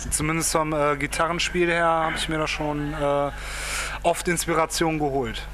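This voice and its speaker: Laid-back young guitarist, slightly high. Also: male voice, level tone, normal speed, noisy background. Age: 20s. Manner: laid-back, a bit unsure. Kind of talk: casual interview chat.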